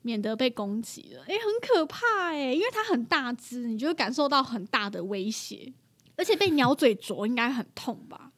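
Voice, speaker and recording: Woman, young mother, fairly high voice, very lively pitch, casual storytelling. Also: normal speed, breathy edge. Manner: animated, laughs often, acts out her own reactions.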